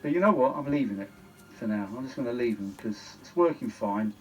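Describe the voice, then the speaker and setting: A British man with a mid-range, expressive voice talks a little fast as he gives a loose, chatty repair demonstration, sprinkling in exclamations. He's a vintage audio repair vlogger, and the noisy recording carries clear background noise.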